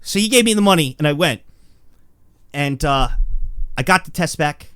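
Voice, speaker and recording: A young man tells a wild personal story with lively, stammering energy, his pitch swinging high and low. His voice is bright and forceful. It is recorded dry and close, with no room sound. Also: moderate pace, smooth, dry recording. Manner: animated, stammering, acts out voices. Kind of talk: casual comedic storytelling.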